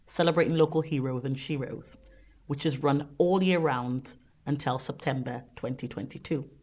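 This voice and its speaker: A woman hosting the programme, reading a measured, prepared introduction and then asking interview questions. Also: sits low, darkish tone. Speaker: host.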